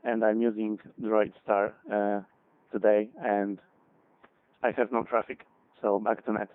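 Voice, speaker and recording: A man from Poland, checking into an amateur radio net over a ham radio call, giving his call sign in a steady, matter-of-fact way. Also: fairly low pitch, a little slow, no echo. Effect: radio transmission. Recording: narrow phone-like radio audio with faint hiss.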